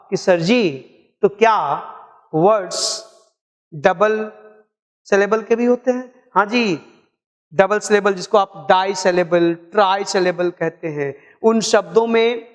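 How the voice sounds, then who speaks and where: High-voiced teacher spelling words slowly. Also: male voice, in a large hall, highs cut off. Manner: spells words letter by letter, asks and answers his own questions. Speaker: English teacher. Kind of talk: classroom grammar lesson.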